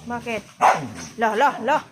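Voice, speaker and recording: A woman's voice: a little high, takes it slowly, very noisy. Woman baby-talking to her dogs. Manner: coaxing, sing-song pet talk. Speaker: vlogger filming her pets. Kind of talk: baby-talk to pets.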